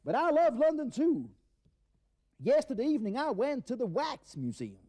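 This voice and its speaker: A man's voice: very high voice, wildly swooping pitch, normal speed, mellow, pitched above the performer's own voice, exaggerated voice. A man playing a brash laughing Texan rodeo braggart. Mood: boastful. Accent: put-on American Texan. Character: boastful, rowdy male Texan rodeo star. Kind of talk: TV sketch comedy acting.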